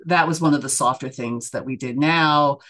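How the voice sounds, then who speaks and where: A middle-aged woman from the United States speaks in a relaxed interview. She talks thoughtfully, restarting her sentences and filling the gaps with small fillers. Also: rumbling low, normal speed. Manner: thoughtful, with many fillers and self-corrections. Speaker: church member and news editor being interviewed. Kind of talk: casual conversational interview.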